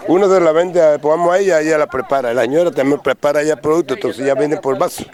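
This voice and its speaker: A man's voice: on the high side, quick pace, a little mellow. A man with a Colombian Caribbean coastal accent, a produce reseller, answering an interviewer in short plain phrases outdoors at a riverside market. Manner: plain-spoken, talks in short listing phrases. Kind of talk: on-the-street interview.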